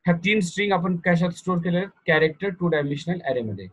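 A male programming teacher with a Marathi accent giving an online class over a video call, quizzing students and dictating notes slowly. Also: high voice, animated, fairly bright tone, slightly rough, dry recording, low-quality recording.

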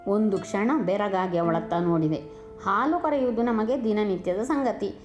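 A woman narrating a village story aloud in a calm, measured storytelling manner, with faint music underneath. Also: medium pitch, highs cut off. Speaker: storyteller, channel host. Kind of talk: audiobook narration.

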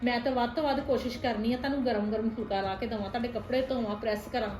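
Lady playing a gentle stepmom, pleading softly, slightly high voice, echoey room, faint music. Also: steady tone, rapid-fire, lightly acted. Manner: soft, coaxing, affectionate pleading.

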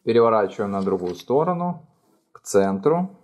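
Calm low-voiced man teaching origami. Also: normal speed, lo-fi sound. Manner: calm, plain, explaining each fold. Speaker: origami instructor. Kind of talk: step-by-step craft tutorial. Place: indoors at a wooden table. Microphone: overhead camera framing hands only.

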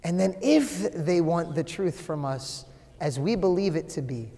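A man preaches in a big sanctuary, his fairly high voice ringing with long church reverb. He is animated, swinging between loud emphasis and a near-whisper. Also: measured pace. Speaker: priest. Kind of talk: sermon. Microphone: far camera, no visible mic.

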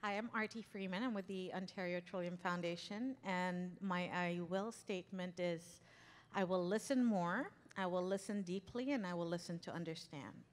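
A woman attendee stating her pledge from the audience in a slow, earnest way. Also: lowish voice. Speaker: conference attendee. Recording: distant voice in a reverberant hall.

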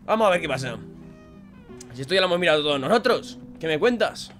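Chatty Spanish gamer with music behind. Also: male voice, fairly high pitch, quick pace. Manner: chatty, muttering to himself, bursts of excited yelling. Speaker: gameplay youtuber. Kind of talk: let's play commentary.

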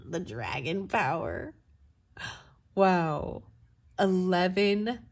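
Excitable woman reading tarot cards. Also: mid-range voice, a little hiss or hum. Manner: excitable, thinks aloud, gasps and exclaims. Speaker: tarot reader.

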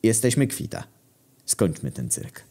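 A man's voice: low voice, animated, measured pace, a little mellow. A man voicing a cornered male thief who tries to talk his way out, placating and evasive. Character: slippery cornered male thief, smooth-talking.

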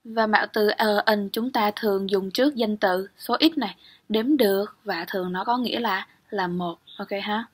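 A young woman teaches English grammar in an exam-prep lecture, explaining step by step and frequently checking in with "ok?". Her voice is mid-range with a breathy edge.

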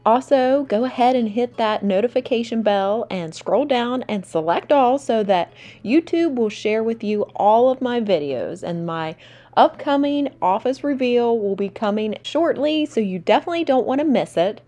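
A home decor and lifestyle vlogger in her thirties chats to her audience indoors at home while music plays behind her. Her warm, highish voice is animated and moves at a normal speed, and she addresses viewers directly in an encouraging way.

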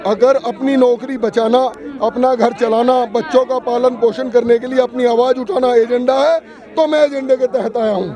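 A man's voice: very high voice, steady tone, moderate pace, a crowd in the background. A male electricity worker at an outdoor protest, arguing his case firmly to a reporter. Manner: firm, argumentative. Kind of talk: street interview.

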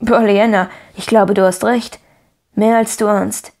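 A woman voicing a lonely, gruff older gentleman who speaks firmly. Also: mid-range voice, little pitch movement, normal speed, natural voice. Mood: stern.

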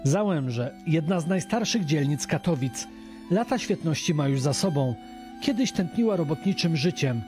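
A man's voice: fairly high pitch, animated, normal speed, dark tone. A man narrating a scripted television news report as the reporter. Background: music.

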